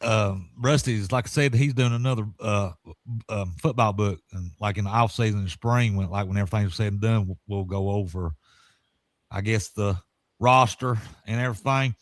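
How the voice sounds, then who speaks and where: A man's voice: fairly low pitch, normal speed, no room sound, studio quality. A man hosting a casual sports podcast, talking in a folksy, rambling way with lots of fillers. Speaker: podcast host.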